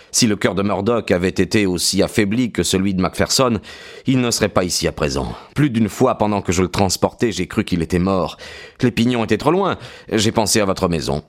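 A man reading an audiobook, voicing a distraught male school head who speaks in a hurried, pleading way. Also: fairly low pitch, close to an everyday voice.

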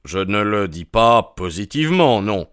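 A man voicing a grave, cautious male country doctor in an audiobook, measured and earnest. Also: on the low side, very animated, fairly bright tone, clear, resonant tone, no echo, studio quality. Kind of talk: audiobook character reading.

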